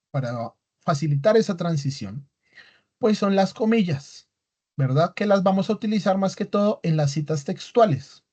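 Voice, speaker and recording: A man's voice: on the high side, warm tone, husky. Lecturing man with frequent check-in questions. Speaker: teacher. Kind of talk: recorded online class lecture. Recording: dull lo-fi class recording.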